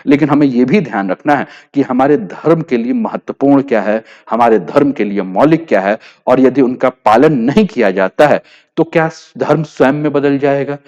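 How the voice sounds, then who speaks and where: A mid-range, slightly mellow male voice with an Indian accent lectures on current affairs for exam students, speaking Hindi mixed with English terms. His style is didactic and explanatory, often rephrasing points and leaning on verbal tags.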